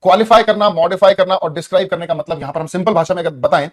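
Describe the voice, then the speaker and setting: A man teaching an online grammar lesson in a Hindi accent, energetic, repeating key words and asking students questions. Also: on the high side, very fast.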